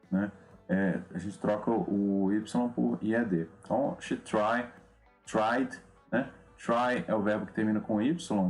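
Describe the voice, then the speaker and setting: A man's voice: lowish voice, darkish tone. A man with a Brazilian Portuguese accent teaching an English grammar lesson in a loose, repetitive way, often checking in with "né?". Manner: loose, repeats words, often adds "né?". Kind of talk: recorded lesson explaining grammar.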